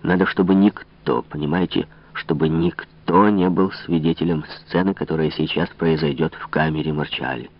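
A man's voice: extremely low pitch, fairly even intonation, normal speed, hardly any pauses. A man voicing a stern, grim royal minister who gives orders in a threatening tone. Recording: dull lo-fi recording.

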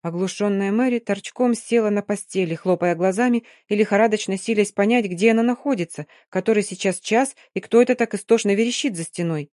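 A woman's voice: medium pitch, brisk, hardly any pauses, a little mellow, no room sound. Woman reading an audiobook, dry sound. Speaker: audiobook reader. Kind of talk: scripted narration.

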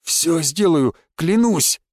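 A man's voice: fairly high pitch, lively intonation, slow, a little mellow, no room sound, studio quality, exaggerated voice. A man voicing a terrified burly arsonist who pleads frantically for mercy. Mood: begging.

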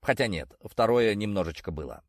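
A man's voice: on the low side, expressive, brisk, no echo, clean studio sound, voice pushed down. A man voicing a big, timid young bull-horned guy who sounds meek and resigned.

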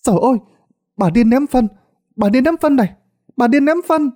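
A man doing a frantic yelling village boy. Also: very high voice, fast, pitched above the performer's own voice. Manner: frantic shouting.

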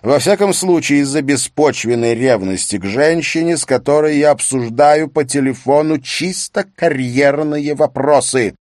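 Guy reading a pushy police chief, loud and smooth, trying to talk his wife round, dry sound. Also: fairly high pitch, moderate pace, hardly any pauses, no room sound, pitched above the performer's own voice, natural voice. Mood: insistent. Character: ambitious middle-aged male police chief, smooth-talking.

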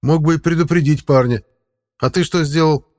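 A man's voice: fairly high pitch, moderate pace, a little mellow, voice pushed up, lightly acted. A man voicing a sardonic male talking cat who mentors the hero in a scolding, mocking way. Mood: scornful. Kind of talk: audiobook character voice.

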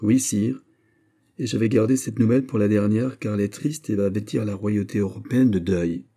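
A man's voice: lowish voice, brisk, warm tone. A man voicing a bold, bantering veteran musketeer in an audiobook, teasing and familiar, voice raised above his narration. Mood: grave. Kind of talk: audiobook character voice.

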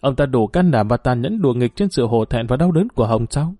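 A man narrating a story in a measured, emotive reading. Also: mid-range voice, animated, mellow, no echo, soft background music. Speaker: audiobook narrator.

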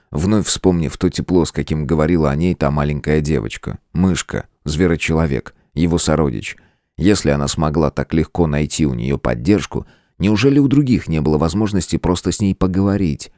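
A man reading a fantasy novel aloud as a calm, measured audiobook narrator. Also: very deep voice, no room sound, studio quality. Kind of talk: scripted narration.

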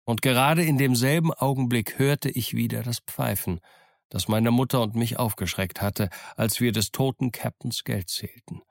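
A man narrating an audiobook in a steady, measured storytelling voice. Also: medium pitch, vocal fry, no echo, clean studio sound. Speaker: audiobook reader. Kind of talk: scripted first-person narration.

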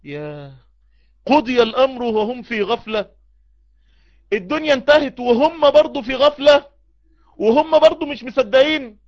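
Egyptian male preacher with a very high voice, fervent and repetitive, muffled lo-fi recording. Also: lively intonation, normal speed, long pauses. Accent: Egyptian Arabic. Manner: impassioned, building to emphatic repetitions. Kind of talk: sermon. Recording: dull lo-fi recording.

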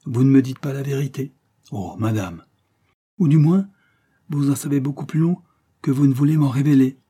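A tremulous, dignified young lady from an old novel, as a male reader puts her on, her voice lifting high with feeling. The tone stays dark and mellow with a husky edge. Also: lively intonation, normal speed. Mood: insistent. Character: young woman, banker's daughter, emotional, dignified.

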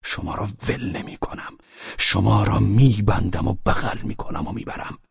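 A man's voice: on the low side, creaky, slightly rough, no echo, muffled recording, heavily acted. A man voicing a stern, commanding middle-aged man who gives curt orders. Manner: curt and bossy.

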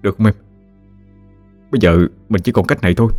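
A man voicing a worried young village man who gently soothes his sweetheart. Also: on the low side, quick pace, dry recording, soft background music, lightly acted. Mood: earnest. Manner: soothing, earnest.

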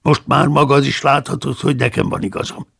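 An indignant, easily frightened abbot, put on by a man reading an audiobook who pushes his voice up high when he protests. The tone stays gravelly and husky, with a rough, breathy grain under the sharp outbursts. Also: little pitch movement, exaggerated voice. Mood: irritated. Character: irritable fearful male abbot. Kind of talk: audiobook character voice.

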